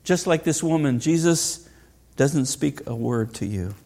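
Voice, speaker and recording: A man's voice: medium pitch, lively intonation, unhurried, a little mellow. A middle-aged man preaching a sermon as pastor, earnest and asking rhetorical questions.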